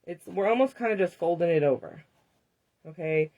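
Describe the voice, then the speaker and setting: A woman's voice: fairly low pitch, expressive, normal speed, narrow, tinny audio. A woman hosting a live craft demonstration, chatting to viewers and laughing often as she works. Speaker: craft tutorial host.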